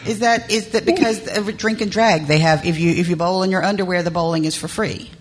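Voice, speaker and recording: Female podcast host from Tennessee, lower voice, chatty and giggly. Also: brisk. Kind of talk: casual chat.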